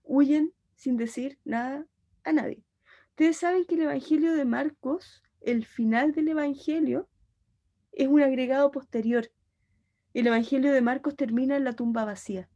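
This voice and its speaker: A woman's voice: sits high, moderate pace, warm tone, muffled recording. A woman teaching a pastoral Bible course, retelling gospel scenes with dramatic storytelling.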